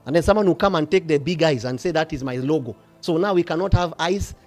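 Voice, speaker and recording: A middle-aged bishop with a Kenyan accent, preaching passionately, swinging from hushed asides to loud rebukes. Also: male voice, on the high side, fast, faint music behind. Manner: passionate, switching between whispers and shouting. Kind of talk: fiery sermon.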